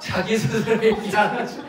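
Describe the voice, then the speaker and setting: A male pastor teaching at a Friday prayer meeting, telling a story with acted asides and coaching his congregation. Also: high-pitched. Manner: animated teaching with acted asides and audience prompts. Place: church sanctuary. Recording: echoey church hall, mic at a distance.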